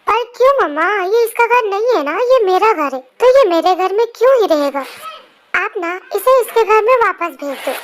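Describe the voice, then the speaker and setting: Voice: extremely high pitch, expressive, normal speed. A young performer voicing a jealous, stubborn little boy who whines and sulks in an amateur fan dub. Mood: whiny. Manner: whiny, sulky.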